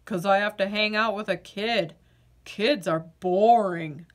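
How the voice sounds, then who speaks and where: A grumpy storybook potato acted out by a woman speaks in a dropped, low voice. It is deadpan, contrary and thoroughly unimpressed, dismissing everything flatly. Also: measured pace, lightly acted.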